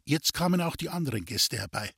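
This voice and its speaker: Husky man reading a story aloud. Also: a little high, lively intonation, brisk, a bit bright, no room sound, studio quality. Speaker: audiobook narrator. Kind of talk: scripted narration.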